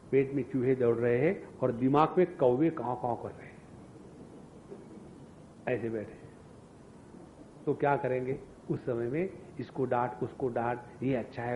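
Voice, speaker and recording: A man giving a scripture discourse as a spiritual teacher, animated, asking rhetorical questions and chanting mantras. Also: medium pitch, phone-quality sound, slight background noise.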